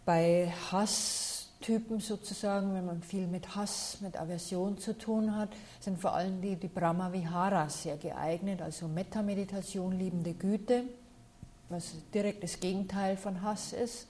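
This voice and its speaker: Mellow-voiced woman teaching calmly. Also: medium pitch, a little slow. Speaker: meditation teacher. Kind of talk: answering questions in a talk.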